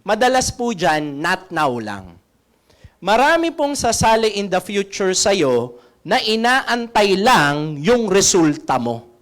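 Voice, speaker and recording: A man's voice: high-pitched, sing-song, slow. A man giving a seminar talk as a sales trainer, coaching and keeps asking the audience questions.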